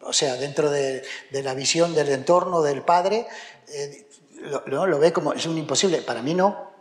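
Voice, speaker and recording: A man's voice: on the high side, moderate pace. A middle-aged man from Argentina with an Argentine Spanish accent, a tennis coach answering interview questions hesitantly, with many fillers and restarts, growing emphatic. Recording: echoey room with long reverb.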